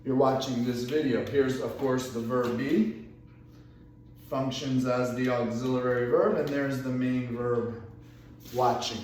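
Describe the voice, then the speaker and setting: Slow, patient male teacher in an echoey room. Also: mid-range voice, steady tone, a little mellow, recorded from a distance, slight background noise. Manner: patient, explains step by step with repeated examples. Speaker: English teacher. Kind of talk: classroom grammar lesson.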